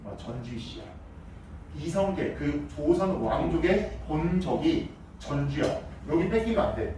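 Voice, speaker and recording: Male history teacher quizzing his class, animated, heard from a distance in a reverberant classroom. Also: a little high, measured pace, a little hiss or hum. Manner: lively, asks students questions. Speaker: middle school history teacher. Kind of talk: classroom lecture. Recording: echoey classroom from far off.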